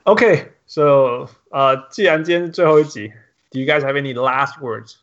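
A man hosting a relaxed podcast conversation, hopping between Mandarin and English with lively energy. His voice sits at a middle pitch. The recording sounds dull and a bit lo-fi. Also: normal speed. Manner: code-switching between Mandarin and English, animated. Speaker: podcast host. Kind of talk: casual chat.

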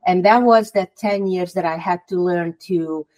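Giving earnest advice as a guest author in a podcast interview, this woman from Hungary speaks English, not her native tongue, with a Hungarian accent. Her pitch is fairly low, her speed normal and her tone a little mellow.

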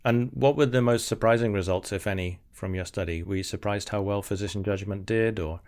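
A man's voice: on the low side, a little fast, darkish tone. A man hosting a podcast interview, asking thoughtful questions. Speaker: podcast host.

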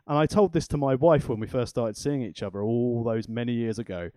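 A man's voice: mid-range voice, a little fast, a little mellow, no echo. A man co-hosting a cooking podcast in a chatty, rambling way with self-deprecating asides. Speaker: podcast co-host. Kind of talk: casual chat.

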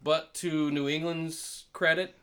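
Bright-voiced joking man in his forties. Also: fairly high pitch, level tone, takes it slowly. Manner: joking, swears, laughs often. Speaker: podcast co-host. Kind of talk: casual sports chat.

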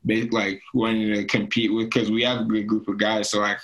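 A man's voice: fairly low pitch, level tone, brisk, fairly bright tone, low-quality recording. A young man, a college football player, talking casually on a podcast, laid-back and full of "like". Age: young adult. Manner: laid-back, heavy use of "like".

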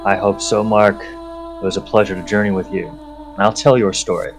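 A man's voice: fairly low pitch, fairly even intonation, normal speed, over music, lightly acted. A man playing an earnest, loyal lone werewolf messenger in a tabletop game, speaking formally and respectfully. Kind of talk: tabletop role-play character acting.

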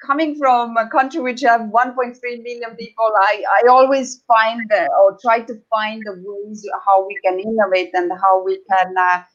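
Her voice on the high side, steady and fairly bright, an Estonian woman answers as an interview guest in an Estonian accent. She talks conversationally but haltingly, pausing often and repeating words, and the recording is muffled.

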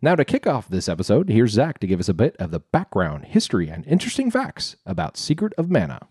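Chatty guy hosting a retro game podcast, really lively intonation, acts out bits, dry sound. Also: mid-range voice, fast, breathy edge, dry recording. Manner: animated, chatty, acting out little asides. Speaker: podcast host. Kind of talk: casual retro gaming podcast talk.

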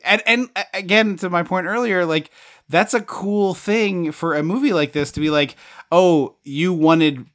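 A man's voice: high-pitched, moderate pace, bright, forceful tone. A man co-hosting a podcast, chatting casually about a film, laughing often and acting out lines. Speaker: podcast co-host.

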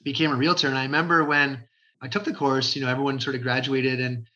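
A man in his forties from Ontario, Canada, talking as an interview guest in an energetic, chatty way, with lots of fillers. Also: mid-range voice, fast talker. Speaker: guest, realtor. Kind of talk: casual interview talk. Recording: dull lo-fi sound.

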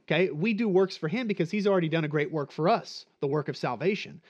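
A man preaching with a fairly high voice, talking to the congregation as if in conversation. He throws out rhetorical questions and acts out short quoted lines. The recording sounds dull and lo-fi. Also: quick pace. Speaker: pastor. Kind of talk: sermon.

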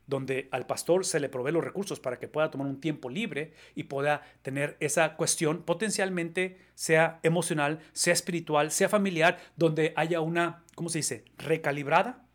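A man preaching to a congregation, emphatic, often asking rhetorical questions and tagging his points with short checks for agreement. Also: on the high side. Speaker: pastor. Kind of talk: sermon.

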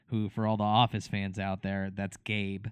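Low, smooth-voiced man rambling casually. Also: completely flat delivery, normal speed, dry recording. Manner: rambling, many fillers and restarts. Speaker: podcast co-host. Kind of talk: casual chat recapping a TV show.

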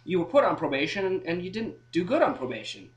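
A man's voice: high-pitched, very animated, quick pace, a crowd in the background. A man with a nasal voice who co-hosts a casual legal advice podcast as a defense lawyer, speaking matter-of-factly with occasional joking asides. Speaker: criminal defense lawyer co-host.

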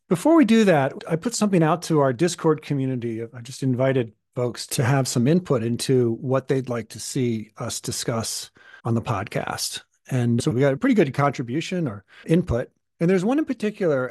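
A man co-hosting a podcast as a coach, hoarse and gravelly from a recent illness, talking thoughtfully with fillers and restarts. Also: mid-range voice, darkish tone, dry recording, studio quality. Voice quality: gravelly, husky. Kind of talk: casual podcast chat.

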